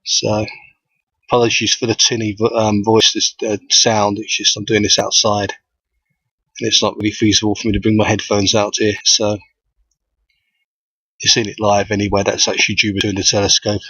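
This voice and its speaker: A man, an amateur astronomer, gives a live how-to commentary outdoors, thinking aloud as he works, his voice thin and tinny with no bass. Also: completely flat delivery, normal speed, sharp tone, breathy edge, no echo. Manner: thinking aloud while working. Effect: thin tinny sound with no bass. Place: outdoors at night. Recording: dull lo-fi outdoor recording.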